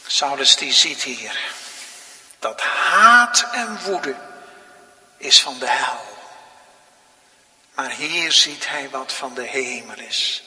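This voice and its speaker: A male pastor preaching a sermon, slow and dramatic, swinging from near whispers to loud exclamations. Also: mid-range voice. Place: church. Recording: long reverb of a large hall.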